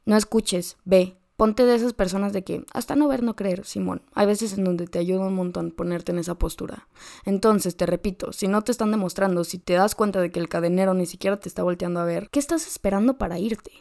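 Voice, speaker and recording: A woman's voice: medium pitch, a little fast, vocal fry, warm tone. A woman with a Mexican accent, hosting a podcast and giving direct, slangy advice straight to the listener. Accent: Mexican Spanish. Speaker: podcast host. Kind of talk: motivational advice monologue.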